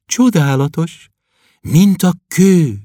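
A man reading aloud and voicing a chatty, clever young girl who talks with lively, coaxing sternness. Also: a little high, no room sound, studio quality, voice pushed up, lightly acted.

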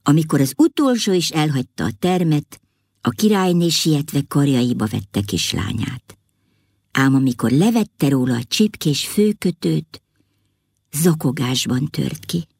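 A woman reading a fairy tale aloud in an expressive storybook style. Her voice is low, with a lively, wide-ranging melody, recorded close and dry with no room sound. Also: gravelly, husky, no room sound. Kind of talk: storybook narration.

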